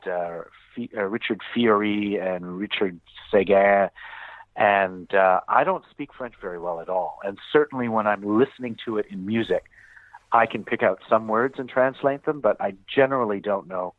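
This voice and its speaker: A man's voice: lowish voice, dry recording. A man co-hosting a music podcast, talking casually and rambling, with many restarts and fillers. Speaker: podcast co-host. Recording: tinny phone-like audio.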